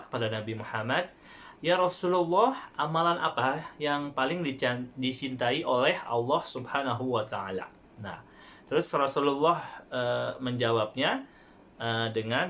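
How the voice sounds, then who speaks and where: A young man, a primary school religion teacher, giving a gentle online lesson to young children with frequent questions to the class. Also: mid-range voice, a little hiss or hum. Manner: gentle, patient, addressing kids directly with frequent rhetorical questions.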